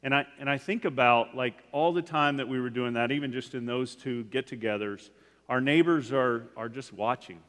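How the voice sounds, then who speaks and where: A guest speaker, a man in his forties, preaches a casual, meandering sermon in a church sanctuary, repeatedly saying "like" and restarting his sentences. The mid-range voice moves at a moderate pace, a bit bright, with long hall reverb around it.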